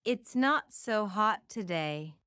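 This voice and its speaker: Slow, crisp woman reading practice phrases. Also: mid-range voice, no echo, studio quality. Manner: repeats each phrase several times, deliberate and even. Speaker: English phrase reader.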